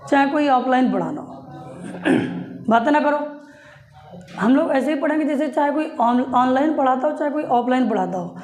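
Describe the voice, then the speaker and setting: A woman teaching a Hindi grammar class, repeating her questions and dictating definitions slowly for students to note down. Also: high voice, darkish tone, reverberant. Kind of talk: classroom lesson.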